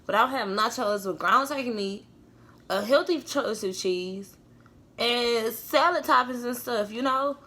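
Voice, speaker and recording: A woman's voice: fairly high pitch, a little slow, pushed and bright. Chatty young woman hosting a mukbang. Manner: chatty, direct, talks to the viewers. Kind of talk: casual chat to viewers.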